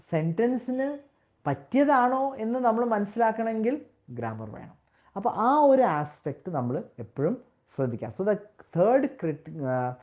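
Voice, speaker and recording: A woman teaching English test criteria, mixing Malayalam with slow English and restarting her words as she explains. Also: on the low side. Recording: dull lo-fi audio.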